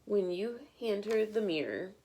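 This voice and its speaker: In a medium-pitched voice, a woman reads a picture book like a teacher, full of expression and encouragement, and pauses to quiz the little ones listening. There's a slight bit of background noise.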